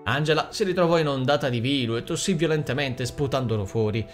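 A man reading a fairy-tale audiobook aloud with expressive storytelling. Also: mid-range voice, fairly quick, soft background music. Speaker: audiobook narrator. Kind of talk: scripted narration.

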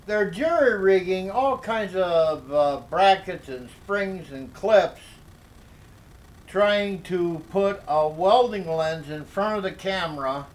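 Slow, halting older man in a workshop. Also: high-pitched, rough recording. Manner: slow, halting explanation with many fillers and restarts. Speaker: DIY workshop instructor. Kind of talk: hands-on workshop tutorial. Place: home workshop at a workbench.

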